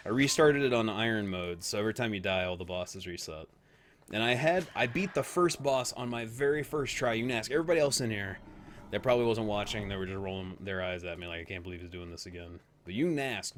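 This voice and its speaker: Low-voiced man chatting while streaming. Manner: chatty, reacts aloud, greets chat viewers, laughs often. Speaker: game streamer. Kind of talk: casual live-stream gameplay chat.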